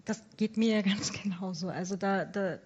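A woman's voice: medium pitch, normal speed, darkish tone, breathy edge. Woman moderating a panel; hesitant and filler-heavy, dull lo-fi recording. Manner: hesitant, many fillers and restarts. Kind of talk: panel discussion. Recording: dull lo-fi conference audio.

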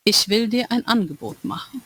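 A man's voice: very high voice, breathy edge, full character voice. A woman voicing a cold, all-knowing male world ruler. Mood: cold commanding. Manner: slow, calm and lecturing. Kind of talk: dramatic reading of a novel.

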